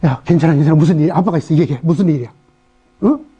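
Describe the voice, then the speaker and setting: A man voicing God as a gentle, comforting father who speaks softly and low. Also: moderate pace, breathy edge. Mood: soothing. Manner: soft, low and soothing.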